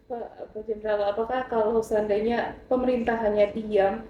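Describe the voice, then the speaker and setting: A woman interviewer asking polite questions in a soft manner. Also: mid-range voice, little pitch movement, moderate pace, lo-fi sound. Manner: soft, polite, brief listening murmurs. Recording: echoey room with faint noise.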